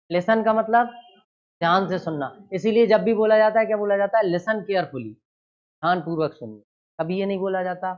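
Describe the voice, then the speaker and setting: Slow-speaking man teaching a grammar lesson. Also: high voice, muffled recording. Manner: asks questions and answers them himself, stresses key words loudly. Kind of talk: exam-prep grammar lesson.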